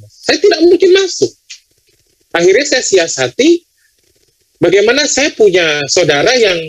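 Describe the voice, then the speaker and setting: A man's voice: high voice, low-quality recording. A middle-aged man from Indonesia, earnestly telling an emotional personal story as an interview guest. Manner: earnest, addresses the host often.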